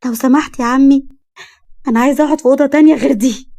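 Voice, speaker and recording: A woman voicing a frightened, indignant young woman with an Egyptian accent, speaking high and loud. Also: steady tone, very fast, no room sound. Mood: tearful. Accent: Egyptian Arabic.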